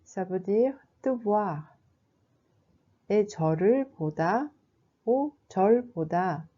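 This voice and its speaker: A woman's voice: medium pitch, expressive, measured pace, mellow, lo-fi sound. A woman explaining a language lesson in a careful, scripted narration, going through examples one by one. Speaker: language teacher.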